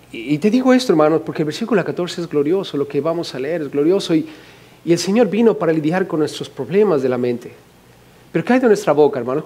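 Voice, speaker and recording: Brief: Mexican male pastor, fairly high voice, lively and joking, firing rhetorical questions at the pews. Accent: Mexican Spanish. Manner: animated, humorous, asks the congregation many questions. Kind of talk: sermon.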